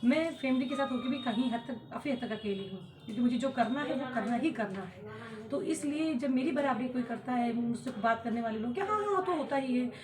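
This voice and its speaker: A woman's voice: on the high side, brisk, a crowd in the background. Feverish tired young woman vlogging. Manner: tired, complaining, talking through daily chores. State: feverish and worn out. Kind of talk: casual vlog monologue.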